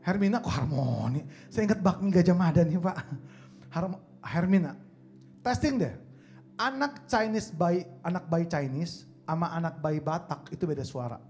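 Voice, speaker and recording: Man, high voice, joking church talk, storytelling to the crowd, faint music behind. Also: animated, moderate pace, a little mellow. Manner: joking storyteller who addresses the crowd as "Saudara". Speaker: guest speaker, singing coach. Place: church hall.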